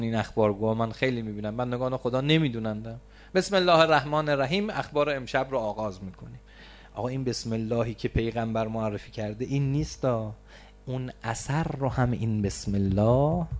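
A man delivers a religious sermon, alternating between loud, stressed phrases and low words he draws out slowly. He stretches key words for emphasis.

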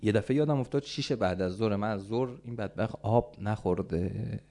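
A man preaching a sermon as a dramatic story, swinging from soft, hushed lines to loud calls. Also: medium pitch.

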